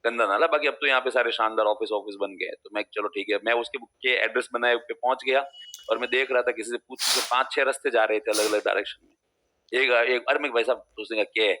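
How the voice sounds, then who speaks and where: A man's voice: medium pitch, steady tone, fast, pushed and bright. A man teaching a class in a chatty lecture style, telling stories and acting out how people in different regions talk. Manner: chatty storytelling, acts out local speech.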